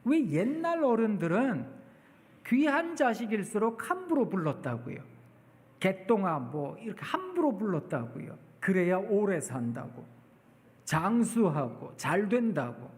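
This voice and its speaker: A man preaching a storytelling sermon at a church, acting out the people in his stories with lively exclamations. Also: sits high, unhurried. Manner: animated, acts out quotes with exclamations. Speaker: guest preacher, professor. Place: church sanctuary. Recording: long church hall reverb.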